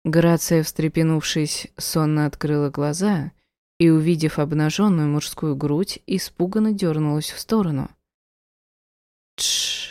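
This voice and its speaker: A woman narrating a romance audiobook in an even, measured reading. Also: sits low, dry recording, clean studio sound.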